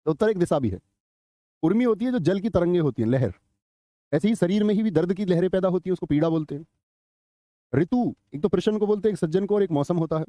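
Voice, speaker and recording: Guy teaching grammar live, high voice but mellow, dry close sound. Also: animated, quick pace, no echo. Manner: chatty, tells anecdotes, quizzes students and answers chat. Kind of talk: live online Hindi grammar class.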